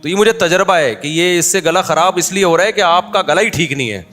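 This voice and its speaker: A man's voice: high voice, brisk, a bit bright, soft background music. A middle-aged man, a preacher telling homely anecdotes in a chatty, humorous way and addressing his listeners directly. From Pakistan. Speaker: Islamic preacher. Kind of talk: informal religious talk with anecdotes.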